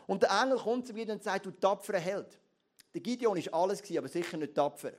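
Man, Swiss German accent, high-pitched voice, animated sermon storytelling. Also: very fast. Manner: animated storytelling, acting out biblical dialogue. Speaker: pastor.

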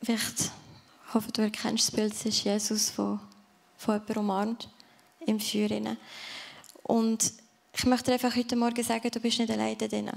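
A woman's voice: on the high side, monotone, normal speed, gravelly, long pauses. A woman giving an earnest sermon in a church service, speaking directly to the listener and ending in prayer. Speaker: preacher.

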